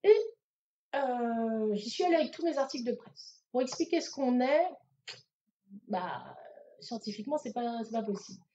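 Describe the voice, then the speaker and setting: A woman tells a personal story at a public talk, chatty and animated, with fillers and acted-out exchanges. Her voice sits fairly high but sounds mellow and warm. The recording is dull and lo-fi. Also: moderate pace, long pauses. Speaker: medium giving a public talk.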